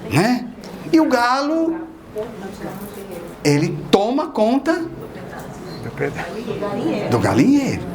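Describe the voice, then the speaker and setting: His voice is extremely high, with huge pitch swings, and he talks very slowly with long pauses while a crowd is heard in the background. The man is delivering a spiritual lecture in a spiritist association's hall, speaking conversationally and questioning the audience.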